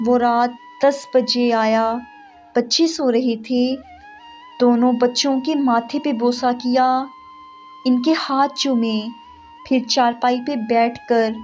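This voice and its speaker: A woman narrating a story in the first person, emotional and measured. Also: on the high side. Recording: slightly dull audio with soft music.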